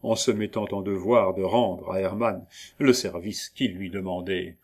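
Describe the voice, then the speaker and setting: A man giving a steady, measured scripted narration of a novel as an audiobook reader. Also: sits low, breathy edge.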